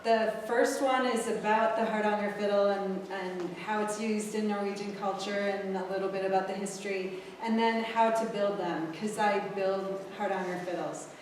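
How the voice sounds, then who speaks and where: Woman guest lecturer, relaxed and friendly, mid pitch, far off-mic in a very echoey room with clear background noise. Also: normal speed, hardly any pauses. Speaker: guest speaker on fiddles. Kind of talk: informal lecture.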